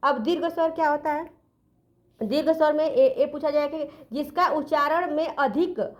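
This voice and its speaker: A woman with a high, light voice teaches an exam-prep grammar class. She explains step by step, poses questions and answers them herself, and slows down to spell out letters one by one. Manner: self-corrects, counts letters aloud slowly.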